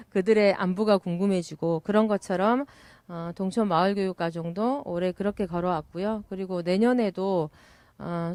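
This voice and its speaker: A middle-aged woman from South Korea giving a reflective speech at a community event as an education researcher, with many pauses and fillers. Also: medium pitch, a little mellow, dry recording.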